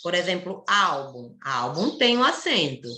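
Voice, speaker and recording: A woman teacher with a Brazilian Portuguese accent, slowly explaining a lesson to children step by step. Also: fairly low pitch, big pitch swings, pushed and bright, echoey room. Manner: slow, careful, explains step by step.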